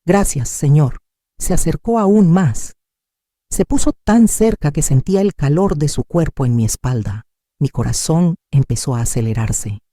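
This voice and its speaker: A woman narrating a first-person life story in a slow, dramatic, emotive way. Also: low voice, expressive, mellow, no room sound, clean studio sound.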